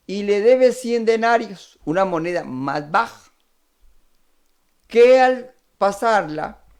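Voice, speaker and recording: A man with a Costa Rican Spanish accent preaching a sermon, acting out the characters' pleas as he retells a parable. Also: high voice. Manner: animated, acts out the characters' pleas.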